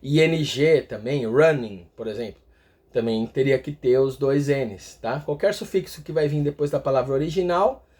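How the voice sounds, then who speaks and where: A man's voice: mid-range voice, moderate pace, darkish tone. A man teaching English grammar step by step, often stopping to check in with his viewers. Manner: explains step by step, ends phrases with a checking "tá?". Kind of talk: explaining grammar in a video lesson.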